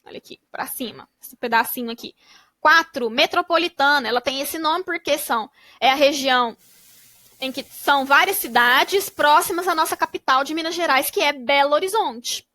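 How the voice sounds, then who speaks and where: A woman teacher, slowly spelling out words syllable by syllable for young pupils. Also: sits high, pushed and bright, no room sound, studio quality. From Brazil. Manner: slow, syllable-by-syllable reading.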